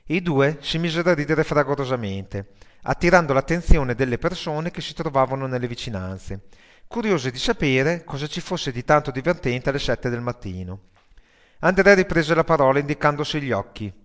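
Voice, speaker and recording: A man narrating a story in a slow, measured reading. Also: medium pitch, lively intonation. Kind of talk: audiobook narration.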